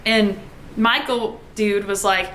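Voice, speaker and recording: A woman's voice: mid-range voice, steady tone, takes it slowly, a bit bright, slight background noise. A young woman casually telling a personal story to her viewers, chatty and full of "like", acting out the back-and-forth of a conversation. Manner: chatty, heavy use of "like", many restarts, acts out quoted dialogue.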